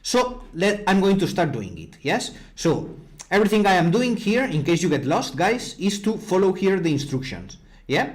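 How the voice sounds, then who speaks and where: Pitched high with a sing-song lilt and delivered at normal speed, this man's voice leads a live-streamed coding class. He's an online robotics instructor from Spain with a Spanish accent who keeps things chatty, frequently repeats words, and replies to viewers' chat.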